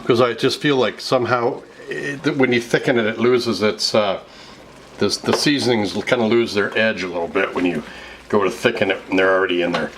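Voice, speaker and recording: With a lowish, steady voice and a fairly quick pace, an American man in his fifties explains a recipe one step at a time as a relaxed cooking show host. His narration is conversational and explanatory. Behind him, a home kitchen produces clear background noise and clatter.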